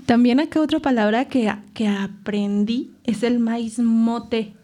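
Mexican woman, high voice, playful host, casual round-table chat. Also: slow, mellow. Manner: playful, laughing, acts out quotes.

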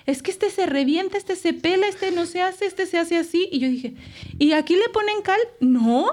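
A woman's voice: very high voice, lively intonation, moderate pace, a little mellow. A Mexican woman hosting a casual round-table chat, playful and often laughing as she acts out quotes. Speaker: host.

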